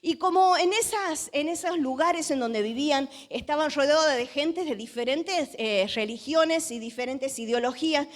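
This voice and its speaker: An Argentine woman pastor preaching a sermon, telling a story with lively rhetorical questions to the congregation. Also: high voice, moderate pace, hardly any pauses. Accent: Argentine Spanish.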